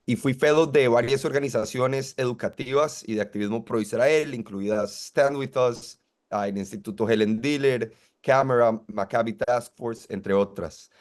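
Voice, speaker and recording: A young man from Rica speaks. He answers interview questions as an activist guest. His delivery is measured and articulate, with a mid-pitched voice. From Costa Rica. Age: 20s. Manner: articulate, measured, argues point by point.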